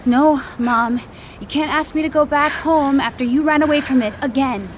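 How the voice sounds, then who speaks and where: A woman's voice: sits high, moderate pace, slight background noise, lightly acted. A young woman playing a stubborn, caring daughter in an audio drama, earnest and a little cheeky.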